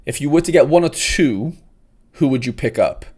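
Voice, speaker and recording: This young host from South Wales has a fairly high, animated voice, a little mellow and slightly rough, at a moderate pace. Chatty and relaxed, he talks with livestream viewers in a South Welsh accent and says "mate" often.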